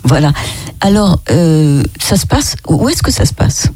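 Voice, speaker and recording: A radio host interviewing a guest, asking measured questions and summarizing the answers. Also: mid-range voice, sing-song, warm tone, breathy edge, dry recording.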